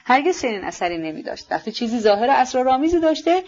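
A sick young man on edge, nervous and defiant, as a woman reader puts him on. His voice sits a bit higher than plain reading and rushes with feverish excitement. The storybook recording sounds slightly dull and lo-fi. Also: heavily acted. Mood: agitated.

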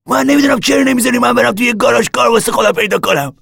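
A man's voice: very high voice, creaky, fairly bright tone, breathy edge, no room sound, clean studio sound, voice pushed up, heavily acted. A man playing a hot-headed, restless young man who complains angrily. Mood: angry. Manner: angry, complaining.

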